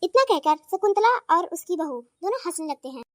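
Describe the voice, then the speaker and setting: A woman narrating a cartoon story in a simple, steady storytelling manner. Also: extremely high pitch, brisk, dry recording, clean studio sound.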